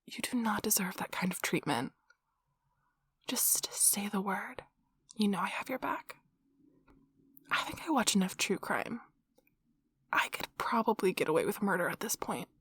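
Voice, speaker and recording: Here the same soft-spoken girlfriend character, nerdy, playful and affectionate, whispers breathily and teases tenderly, but she sounds indignant and protective. Pitch is medium, intonation lively, pace moderate, with frequent pauses and no echo.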